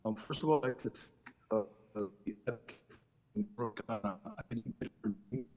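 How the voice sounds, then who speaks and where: A man calling in to comment at a public meeting, speaking haltingly with many fillers while his call audio keeps breaking up. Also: mid-range voice, a little mellow, slightly rough. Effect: choppy, breaking-up call audio. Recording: muffled echoey call-in line.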